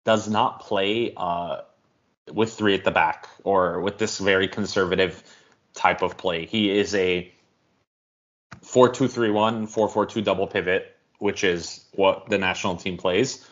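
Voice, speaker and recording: A man co-hosting a casual football podcast, explaining at length in a measured way with frequent ums. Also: low-pitched, steady tone, fairly bright tone. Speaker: podcast co-host. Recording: dull lo-fi audio.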